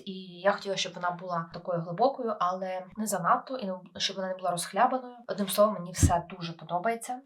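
Low-voiced Ukrainian woman, a little ill. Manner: relaxed, chatty, with many filler hesitations. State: slightly ill, voice affected. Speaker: knitting vlogger. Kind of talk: casual vlog talk.

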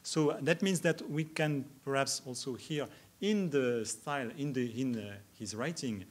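A man gives an academic answer in a lecture hall, working toward his point through restarts and stammers. His voice sits at an ordinary middle pitch. It is a plain, unhurried, reflective delivery. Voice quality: halting, many restarts and stammers. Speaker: keynote speaker answering questions.

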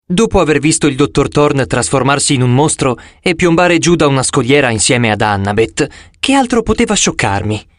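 Guy reading an audiobook, pitch bouncing all over, very dry close mic. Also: dry recording. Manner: expressive, first-person storytelling. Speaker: audiobook narrator. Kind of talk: scripted audiobook narration.

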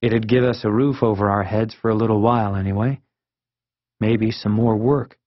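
A man voicing a soft-spoken, tired father. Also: lowish voice, steady tone, moderate pace, dry recording, natural voice. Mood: gentle. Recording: dull lo-fi audiobook recording.

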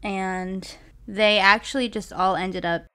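A woman's voice: mid-range voice, fairly even intonation, takes it slowly, a bit bright, clean tone. Chatty young woman podcast host. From Massachusetts. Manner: chatty, giggly, reads facts from notes. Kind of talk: casual podcast chat and reading aloud.

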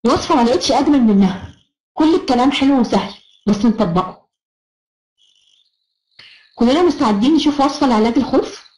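A woman's voice: high-pitched, lively intonation, fairly quick, long pauses, a little mellow, reverberant, low-quality recording. A woman with an Egyptian Arabic accent giving an encouraging online self-help lecture, praising her students as she goes.

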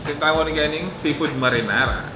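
A man's voice: on the high side, fast talker, background noise. A young man with a Filipino accent, co-hosting a food vlog and listing dishes in short remarks. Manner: brief interjections, listing menu items. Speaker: co-host. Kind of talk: casual food review chat. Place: indoor cafe at a food-laden table. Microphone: camera framing two seated hosts. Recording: echoey cafe with background music.

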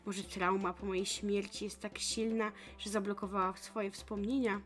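A young woman reading a visual novel aloud as narration, breaking off into excitable, gushing reactions with laughing asides. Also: medium pitch, normal speed, soft background music. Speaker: let's play streamer.

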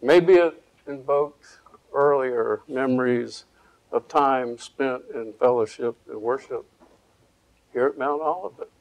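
A man's voice: medium pitch, slow, darkish tone, rough recording. A man in his sixties from Virginia preaching a sermon at a church pulpit. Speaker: pastor. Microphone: pulpit microphone.

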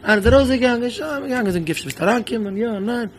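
A man's voice: extremely high pitch, lively intonation, fast, slight background noise. A man speaking as a rabbi in an impassioned sermon, pressing his point with repeated rhetorical questions.

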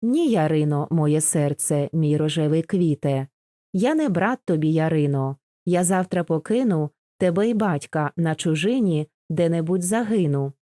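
A lovesick young Cossack, earnest and sorrowful, speaking gently, as a woman reads his part. The voice sits low and mellow, recorded close and dry. It sounds like a storybook audiobook. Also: lively intonation, moderate pace, no echo.

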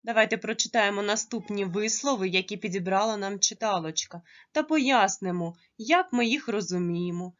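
A woman teacher giving a primary school lesson, pronouncing words slowly and carefully. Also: mid-range voice, a bit bright, dull audio. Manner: slow, careful pronunciation when modelling words.

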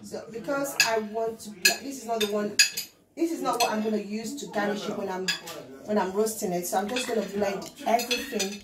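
A woman's voice: mid-range voice, steady tone, brisk, heavy background noise. A middle-aged woman from Nigeria talking through a home cooking demonstration step by step, checking that her listeners follow along. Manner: chatty, explains step by step, often checks in with "do you understand?". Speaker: home cook vlogger. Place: home kitchen, indoors. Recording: echoey kitchen with children chattering.

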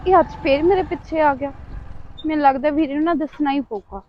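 Woman doing stubborn village girl, high voice, snappy scolding, lo-fi. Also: fast, slight background noise, lightly acted. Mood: angry. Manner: sharp and scolding. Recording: dull lo-fi sound.

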